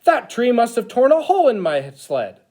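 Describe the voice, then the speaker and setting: A man's voice: very high-pitched, wildly swooping pitch, normal speed, mellow, pitched above the performer's own voice, full character voice. A kindly old Santa from a children's storybook, acted out by a man, jolly and emphatic. The voice is raised and moves up and down with lots of expression. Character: jolly old male Santa Claus, kindly sleigh leader. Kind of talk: storybook character voice.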